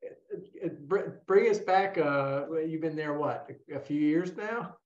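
A middle-aged man interviewing casually, haltingly rephrasing his questions as he goes, on a video call. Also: on the high side, darkish tone. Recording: dull, echoey video call audio.

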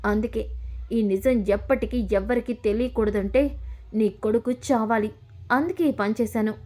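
A cold, ruthless young woman scheming for an inheritance, played by a female storyteller. She speaks defiantly in a fairly high voice. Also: normal speed, warm tone, lightly acted.

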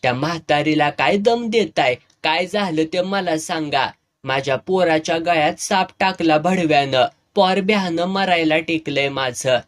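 A man's voice: fairly high pitch, measured pace, close to an everyday voice. A man voicing a fierce scolding village mother. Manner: scolding, bold.

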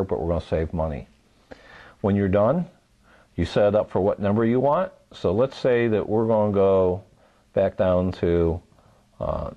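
A man calmly walking through a step-by-step how-to demonstration, patient and methodical, repeating key points. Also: deep voice, dull audio. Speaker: home repair instructor.

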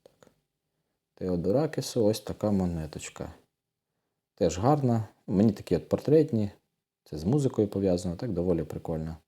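Low, mellow-voiced man chatting to viewers. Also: expressive, moderate pace, long pauses, breathy edge. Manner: chatty, often addresses viewers as friends, thinks aloud. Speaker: coin collector channel host. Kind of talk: casual unboxing commentary.

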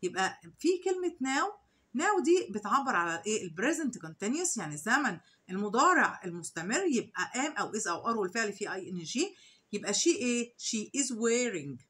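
A woman with an Egyptian Arabic accent, an English teacher, walking through exercise answers. She reads each English sentence slowly, then explains it in Arabic with questions to the students. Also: mid-range voice, sing-song, fairly bright tone. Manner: asks rhetorical questions to the students. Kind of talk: exam answer walkthrough lesson.

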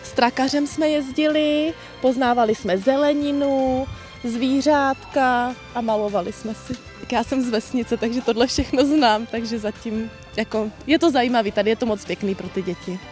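Chatty, slightly high woman visitor. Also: a little mellow, soft background music. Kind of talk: casual interview. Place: outdoors at a farm fair.

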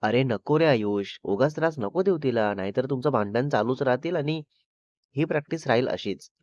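A gentle, motherly middle-aged mom, as a man reads her. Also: medium pitch, animated, normal speed, no room sound, natural voice. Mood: soothing. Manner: soothing, motherly scolding. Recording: slightly dull lo-fi recording.

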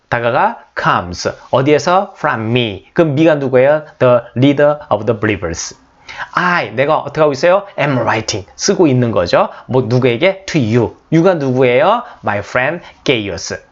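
A man with a Korean accent teaching English phrases in a slow explanatory lesson, repeating words and asking and answering his own questions. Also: mid-range voice. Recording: dull lo-fi audio.

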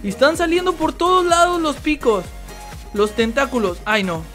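Mexican woman hosting a gaming channel, high bright voice, excitable, faint music behind. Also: normal speed. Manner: exclamatory, repeats words in bursts. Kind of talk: excited let's-play commentary with a child.

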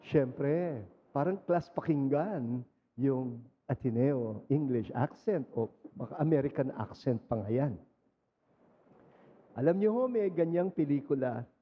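A priest with a Filipino accent giving a Sunday homily in a conversational storytelling way, mixing in English phrases. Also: male voice, fairly high pitch. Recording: muffled lo-fi recording.

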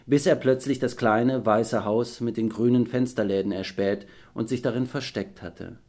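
A man reading a children's book aloud as an audiobook narrator, with a measured, expressive delivery. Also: mid-range voice. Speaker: audiobook reader. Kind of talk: storytelling narration.

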